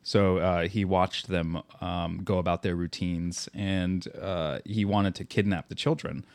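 A man's voice: sits low, fairly even intonation, unhurried, no room sound. A man co-hosting a casual podcast, reading out a true crime story with many fillers and a few laughs. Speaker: podcast co-host.

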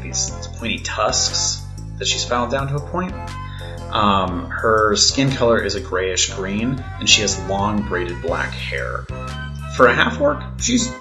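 A man narrating as game master of a tabletop role-playing podcast, describing scenes in a casual, filler-laden way. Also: sits low.

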